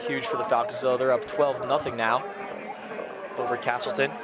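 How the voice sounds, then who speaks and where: Man, from New Jersey, casual football colour commentary, medium pitch, very loud stadium noise. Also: flat delivery, normal speed. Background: crowd and loud outdoor ambient noise.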